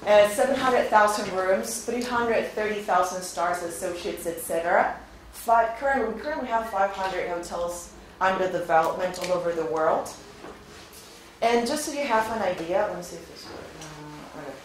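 Her mid-range voice moves at a moderate pace as this woman in her thirties, Venezuelan-born and Spanish-raised, delivers a chatty, upbeat recruiting talk to a class and keeps asking the students questions. The sound comes from a distant camera without a visible mic, in a very echoey classroom with faint background noise.

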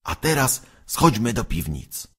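A man's voice: medium pitch, sing-song, measured pace, a bit bright, husky, pitched above the performer's own voice, exaggerated voice. A man voicing a mischievous ten-year-old boy in a storybook, cheeky and conspiratorial. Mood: teasing. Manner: cheeky, secretive whispering.

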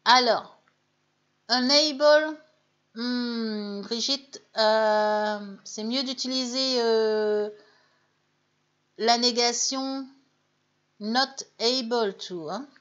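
On a live stream conducted in French, a woman with a fairly high voice teaches English, chatting with viewers, reading their names aloud, correcting them gently, and saying English model phrases slowly. The recording's highs are cut off.

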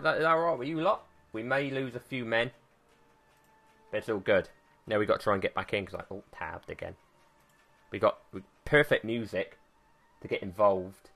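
A young man streaming a battle game live, animated and jokey, barking orders at his troops and swearing cheerfully. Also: medium pitch. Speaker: gaming streamer. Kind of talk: live gameplay commentary.

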